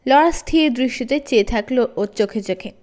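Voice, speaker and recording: A woman reads a family story aloud for children. Her voice sits high, and her delivery is even and expressive. She keeps a calm, steady storytelling pace. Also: a little fast. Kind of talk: read-aloud story narration.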